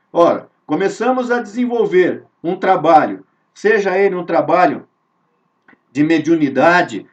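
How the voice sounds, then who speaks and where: The recording is dull, lo-fi, and distant, coming from a video call where a Brazilian man guides a casual spiritist lesson in a high voice. Earnest and repetitive, he speaks with a Brazilian Portuguese accent, draws out key words, and keeps asking rhetorical questions.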